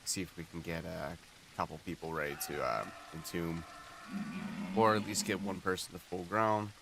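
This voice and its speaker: Male streamer, low gravelly morning voice, kept quiet and relaxed, faint noise behind. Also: moderate pace. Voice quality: groggy morning voice. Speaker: game streamer. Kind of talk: casual live-stream chat.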